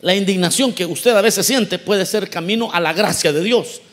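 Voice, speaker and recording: A man's voice: high-pitched, normal speed, a bit bright, long reverb tail. A man preaching a sermon, asking the congregation questions and acting out the voices he quotes. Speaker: pastor.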